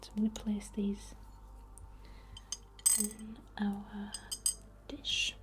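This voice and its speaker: This ASMR host is a woman who whispers softly and breathily, taking her time as she chats and leads a healing ritual. Her mid-range voice stays completely flat, with background noise behind it.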